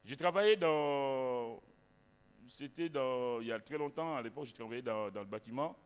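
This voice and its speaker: In a church hall with long reverb, a male pastor preaches emphatically in a clear, resonant, mid-range voice at normal speed. He repeats phrases and restarts often.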